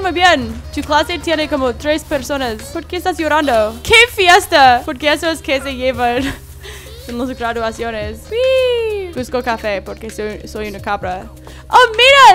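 Woman gamer, high voice, giggly and excitable, faint game music behind. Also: a little slow. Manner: excitable, giggly, exclaims a lot. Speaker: gaming YouTuber. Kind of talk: casual let's-play commentary.

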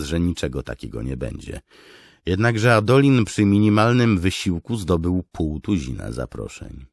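A man narrating a fantasy audiobook in a measured, steady way. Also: extremely low pitch, vocal fry, husky, no room sound, studio quality.

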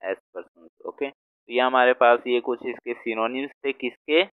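A man teaching vocabulary in a class, going slowly and repeating each word as he writes it out. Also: medium pitch, clean tone, dry recording. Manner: slow, repeats words while writing them out. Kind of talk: explaining word meanings in a class. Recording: tinny phone-like sound.

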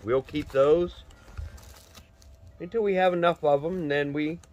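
A middle-aged man with a Western Pennsylvania accent chats folksily with viewers while sorting through a cluttered indoor storage unit, giving casual unboxing commentary. His fairly high voice is unhurried and a little mellow, with the highs cut off.

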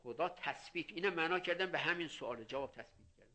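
A man's voice: a little high, bright, forceful tone. An older male cleric giving a sermon, reading Arabic phrases and explaining them in plain words, with anecdotes. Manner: explains Arabic quotes in Persian, tells anecdotes. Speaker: cleric preacher. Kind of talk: religious sermon.

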